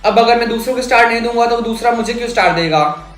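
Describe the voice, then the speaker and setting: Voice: mid-range voice, fast, reverberant, soft background music, close to an everyday voice. A voice actor playing an anxious schoolboy in a cartoon, who worries aloud and talks to himself. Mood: worried. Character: anxious schoolboy scheming to collect stars. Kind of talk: cartoon dialogue.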